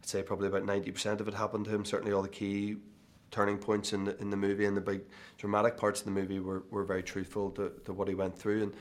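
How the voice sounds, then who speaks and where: This Northern Irish actor in his thirties is a guest in an interview, speaking casually and often using fillers and restarting sentences. His voice is lowish, his delivery completely flat, and his pace racing.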